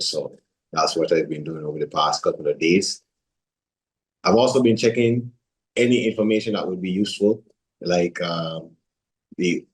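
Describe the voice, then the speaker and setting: A man's voice: sits low, poor audio. A man from Barbados, a sports journalist, describing things plainly in an interview with a few fillers. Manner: matter-of-fact, with fillers.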